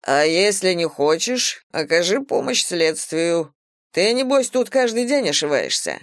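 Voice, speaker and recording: A woman reading a stern, unhurried police captain. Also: fairly low pitch, sing-song, dry recording. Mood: deliberate. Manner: dry, slow, deliberate. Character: stern middle-aged male police captain. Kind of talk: audiobook character voice.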